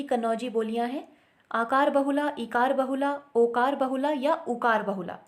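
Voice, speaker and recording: Woman tutor reciting Hindi exam answers. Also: on the high side. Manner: steady question-and-answer recitation. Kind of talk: reading quiz questions and answers.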